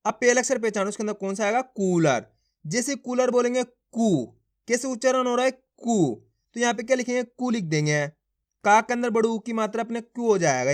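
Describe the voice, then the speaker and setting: A man teaching Hindi reading, sounding out words syllable by syllable and quizzing his viewers as friends. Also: very high voice. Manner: addresses viewers as friends, urging them to try. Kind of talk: slow spelling-out lesson.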